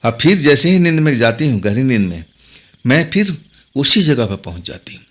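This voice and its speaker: A man's voice: medium pitch, sing-song, normal speed. A man narrating a horror story in the first person, dramatic and tense.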